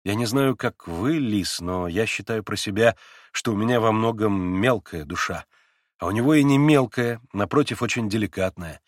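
A man reading an audiobook, voicing a sincere, gentle young man who speaks softly and thoughtfully, a little bashful. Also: fairly low pitch, expressive, moderate pace, dry recording, studio quality. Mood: earnest.

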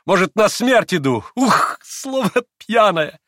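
A man voicing a proud, wild young woman who speaks in impassioned, shrill outbursts. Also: lively intonation, a little slow, no echo, clean studio sound. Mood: frenzied.

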